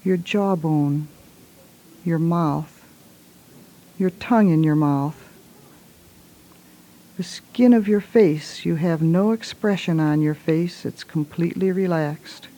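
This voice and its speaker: A woman leads a guided relaxation in a soft, hushed voice, giving gentle, soothing instructions in short phrases. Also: low-pitched, slow, pauses often, poor audio.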